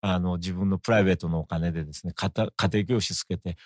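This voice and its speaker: A middle-aged man speaks with an Osaka accent, in a somewhat low voice, measured and reflective, now and then lifting his pitch for emphasis. The recording is dry and close, with no room sound. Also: steady tone, darkish tone, no room sound. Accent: Osaka Japanese. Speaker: guest. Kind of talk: conversational interview.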